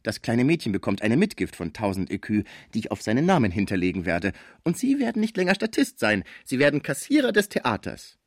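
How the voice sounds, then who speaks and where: A man reading aloud, voicing a gentle, grieving old German man. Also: medium pitch, huge pitch swings, brisk, hardly any pauses, no echo, clean studio sound. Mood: tender.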